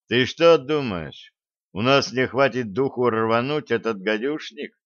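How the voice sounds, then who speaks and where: A man's voice: medium pitch, measured pace, dry recording, lo-fi sound, close to an everyday voice. A man voicing a coarse, hot-tempered gang leader. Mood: menacing. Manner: coarse, threatening, slangy. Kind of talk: audiobook character voice.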